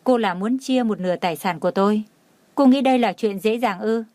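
A cold, contemptuous young rich husband, sneering and cutting, read by a woman narrator. The voice sits at a middling pitch. It is close and dry, with no room sound. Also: brisk, dark tone, dry recording, natural voice. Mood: taunting. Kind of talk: audiobook narration.

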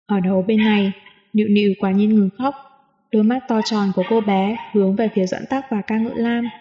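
Female audiobook narrator, even and smooth; dull lo-fi sound with long reverb. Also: mid-range voice, a little fast. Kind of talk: scripted narration.

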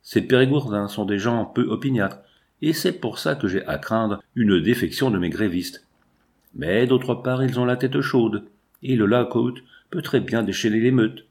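A man's voice: on the low side, a little mellow. Man reading as a cold, calculating strike leader. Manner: measured, cool and persuasive. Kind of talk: audiobook reading.

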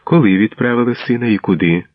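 A man voicing a dignified gray-haired noblewoman who answers calmly and firmly, on a dull lo-fi radio recording. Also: medium pitch, quick pace, no echo, pitched above the performer's own voice, lightly acted. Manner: calm, restrained, dignified.

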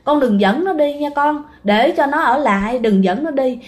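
A woman's voice: high-pitched, lively intonation, normal speed, a little mellow, pitched above the performer's own voice. A woman voicing a pleading old grandmother praying to a spirit. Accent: Southern Vietnamese. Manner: earnest, imploring. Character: elderly grandmother pleading with her dead son's spirit.

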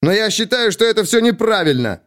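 A man's voice: a little high, expressive, a little slow, voice pushed up. A man voicing an earnest, agitated young police captain who protests with passion in an audiobook. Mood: indignant agitated. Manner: agitated, impassioned. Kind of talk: audiobook character voice.

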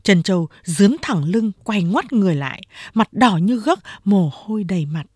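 A woman narrating a story aloud in an expressive reading voice. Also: medium pitch, normal speed, breathy edge, no room sound, clean studio sound.

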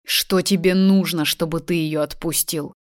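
A man's voice: fairly high pitch, steady tone, a little slow, natural voice. A woman reading the part of a furious, powerful businessman with a criminal past who threatens the kidnapper. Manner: threatening, shouting.

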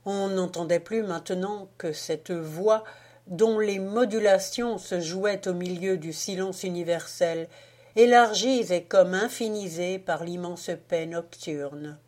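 Brief: woman, low voice, very slow and measured audiobook narration. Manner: measured, expressive reading. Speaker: audiobook reader.

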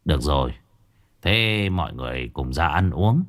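A man doing a gruff older head of house. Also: very deep voice, animated, moderate pace, a bit bright, voice pushed down. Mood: commanding.

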